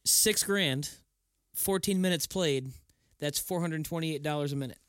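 A man co-hosting a podcast in casual chat, analytical, working out numbers out loud. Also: a little high, a little slow, clean tone, dry recording, studio quality. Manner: analytical, works out the numbers aloud. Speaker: podcast co-host.

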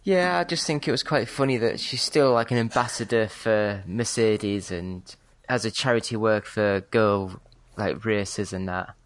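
A British man co-hosting a podcast, chatting in a relaxed way and often hedging what he says. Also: fairly low pitch, a little slow, hardly any pauses. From Britain. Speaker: podcast co-host. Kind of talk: casual chat.

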